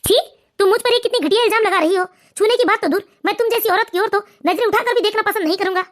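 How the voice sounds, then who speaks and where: A woman's voice: very high-pitched, racing. A woman voicing a smug sneering son-in-law. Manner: mocking, smug.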